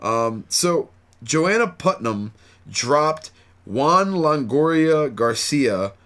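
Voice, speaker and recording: A man's voice: a little high, expressive, very slow, a bit bright. Tired, profane male podcast host. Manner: profane, loose and rambling. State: tired late at night. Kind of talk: casual podcast chat.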